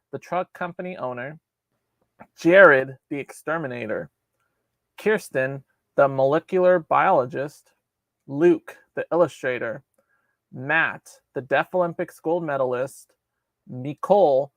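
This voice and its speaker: A young man hosts a casual live-stream recap from his home mic, chatty and loose, full of fillers and restarts. His voice sits a little high for a man. The sound is dry and close with no room around it. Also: a bit bright, no room sound.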